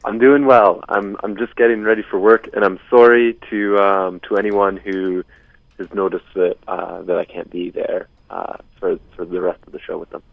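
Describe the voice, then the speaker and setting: A man's voice: low-pitched, flat delivery, moderate pace, creaky, no room sound. A man calling in to a radio show as co-host, heard through a phone on speakerphone, chatting casually with jokey, rambling asides. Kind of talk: casual on-air banter. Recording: muffled phone line.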